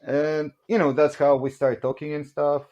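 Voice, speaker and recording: With the highs cut off, his warm, higher-pitched voice comes through at normal speed but with a flat delivery. He's a Greek man in his forties with a Greek accent, a barbell company production manager guesting on a podcast, telling casual stories, joking, laughing often, and saying "you know" a lot.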